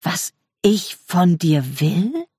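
A woman voicing an angry, menacing middle-aged father in a read-aloud story, speaking low and seething. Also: very animated, extremely slow, dark tone, breathy edge, dry recording, studio quality, full character voice. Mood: disbelieving.

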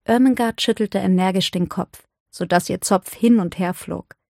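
A woman narrating a storybook audiobook in a calm, even storytelling voice. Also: medium pitch, a little slow, vocal fry, no echo, studio quality.

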